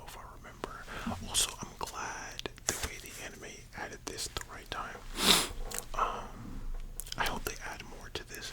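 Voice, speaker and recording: This is a young adult ASMR host rambling casually about anime, with side comments, all in a drowsy, hushed library whisper. Audio quality is poor.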